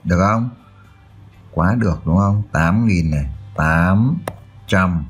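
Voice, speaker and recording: Deep husky guy teaching kids math, slow and patient, faint music under it. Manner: checks in often with "được chưa?". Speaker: math tutor. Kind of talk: explaining a math exercise.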